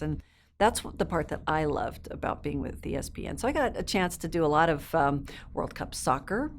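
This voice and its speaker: A South American-raised woman in her fifties tells stories as a guest in a casual interview, upbeat and fluent with the occasional um. Her voice is deep, with a slight hiss or hum in the background.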